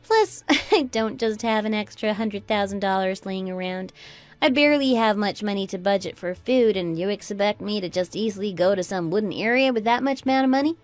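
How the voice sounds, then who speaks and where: In a melodramatic online radio drama, a voice actress plays Anna, a scornful, fed-up adult daughter-in-law who is defiant and mocking. She delivers her lines coldly and sarcastically, taunting, at a brisk pace with a medium-pitched, lightly acted voice.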